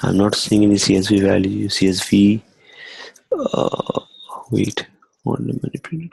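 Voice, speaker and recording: Low gravelly-voiced man teaching. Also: lively intonation, moderate pace, a little mellow, no echo, low-quality recording. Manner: conversational, repeats "okay" often, restarts phrases. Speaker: instructor. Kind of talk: screen-recorded coding lesson.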